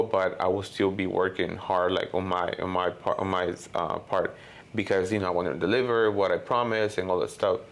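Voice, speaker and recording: Low, gravelly man telling his story. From Honduras. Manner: rambling, lots of "you know" and "like" fillers. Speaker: guest filmmaker. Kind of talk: casual interview.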